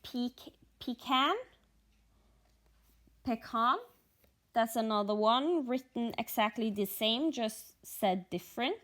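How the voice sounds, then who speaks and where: A Norwegian woman with a Norwegian accent explaining her stitching in an unhurried, methodical way, sleepy after only a few hours of sleep. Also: a little high. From Norway. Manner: unhurried, methodical, pauses between words while stitching. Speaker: cross-stitch vlogger. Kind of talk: slow stitch-along commentary.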